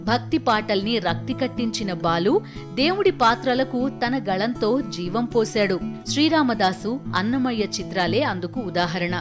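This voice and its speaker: A woman giving a formal, scripted documentary narration. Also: fairly high pitch. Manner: measured, formal storytelling delivery. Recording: narration over loud background music.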